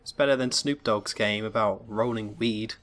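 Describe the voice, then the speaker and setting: A man's voice: fairly low pitch, steady tone, moderate pace, a bit bright. A young man, a little ill, hosting a casual podcast chat in an easygoing manner and laughing along. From Britain. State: slightly ill. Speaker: podcast host.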